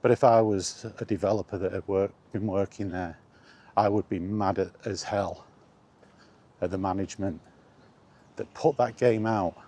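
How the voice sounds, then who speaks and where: Walking outdoors, a vlogger rambles bluntly and with resignation about video games in casual commentary. His voice is low and dark, his intonation fairly even, and his pace moderate.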